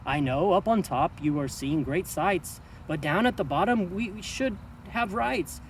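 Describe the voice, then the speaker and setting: A man's voice: high voice, expressive, unhurried, a little hiss or hum. A man voicing a meek, weary little male turtle who pleads politely in a storybook reading.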